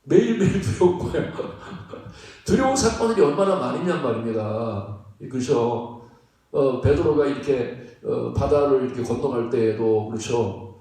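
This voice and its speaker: A man's voice: mid-range voice, moderate pace, mellow. A male pastor preaching a sermon, conversational and emphatic, often asking the congregation rhetorical questions. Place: church sanctuary. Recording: echoey church sanctuary, distant mic.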